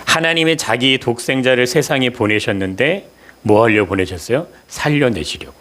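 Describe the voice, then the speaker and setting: Korean pastor preaching, asking and answering. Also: male voice, mid-range voice, moderate pace, fairly bright tone. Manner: asks the congregation questions and answers them himself; emphatic, repeats key words. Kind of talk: sermon.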